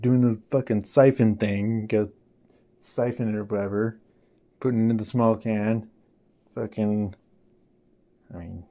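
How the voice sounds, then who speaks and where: Male vlogger, casual rambling storyteller with frequent swearing and a warm, unhurried delivery. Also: medium pitch. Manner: rambling, swears often, restarts a lot.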